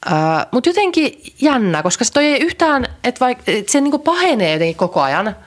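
Speaking a little high and very animated, a young adult woman co-hosts a podcast in casual, rambling chat peppered with fillers and restarts.

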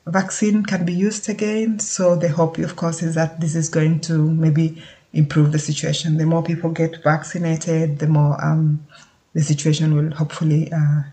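A speaker from Kenya, giving a casual spoken update in a halting, thoughtful way and often pausing to search for words. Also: mid-range voice, a little mellow.

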